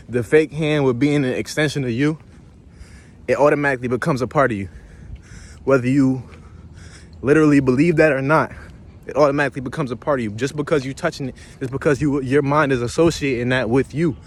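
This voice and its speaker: A man rambling and philosophizing in a casual, profane walk-and-talk vlog, out of breath from walking outdoors by a pond and filming himself on a phone. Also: fairly high pitch. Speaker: vlogger.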